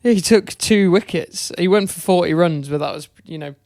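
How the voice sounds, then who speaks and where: A man's voice: sits high, moderate pace, a little mellow, no echo, studio quality. A young man co-hosting a podcast, chatting casually about cricket with a thoughtful, hesitant delivery. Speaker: podcast co-host.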